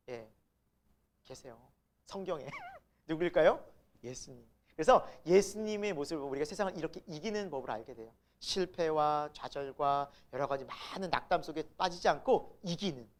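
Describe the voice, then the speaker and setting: A woman's voice: on the low side, a little mellow. A middle-aged woman pastor preaching a sermon, emphatic, asking the congregation rhetorical questions and building to exclamations.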